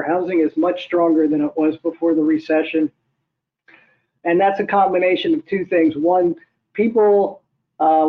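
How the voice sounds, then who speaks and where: An older man, an economist, explaining figures in a measured way with many hesitations. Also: fairly high pitch. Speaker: guest economist. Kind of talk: interview answers. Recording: tinny phone-like line.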